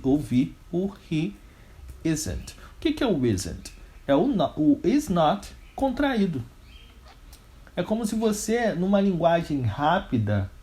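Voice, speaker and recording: A Brazilian man gives a grammar lesson, walking through each step. His pitch swings up and down all the time in an animated, lively way. He keeps asking questions and then answering them himself. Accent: Brazilian Portuguese. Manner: didactic, step by step. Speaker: English teacher.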